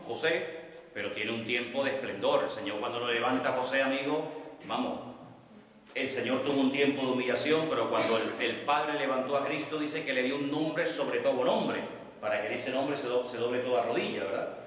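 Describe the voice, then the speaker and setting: A man from teaching a Bible study class as pastor, speaking slowly and repeating key terms so his students can note them down. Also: mid-range voice, a bit bright. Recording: echoey hall, voice from far off the mic.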